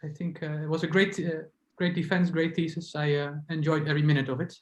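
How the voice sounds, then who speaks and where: A man's voice: a little high, flat delivery, fast, highs cut off. Friendly guy on a call, lots of uhs, echoey room. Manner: friendly and hesitant, many uhs. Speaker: committee member. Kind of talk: congratulatory speech on a video call.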